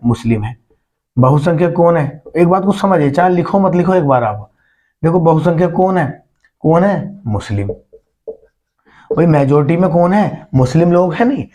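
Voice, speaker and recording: A man's voice: fairly high pitch, mellow. A man giving an exam-prep lesson, asking the listeners questions and repeating key points, calling them brother and friends. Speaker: teacher.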